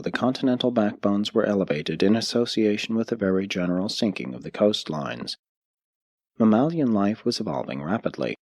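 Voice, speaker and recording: An audiobook narrator with a fairly low voice reads a book aloud, measured and steady, pausing between items in lists. The recording has no echo.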